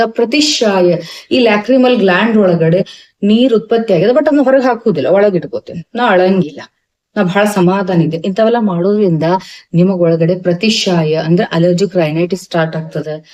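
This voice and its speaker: This is an Ayurvedic doctor with a North Karnataka Kannada accent, giving an emphatic health talk straight to camera. The voice is mellow and warm, mid-pitched, and it is punctuated with rhetorical questions and English medical terms.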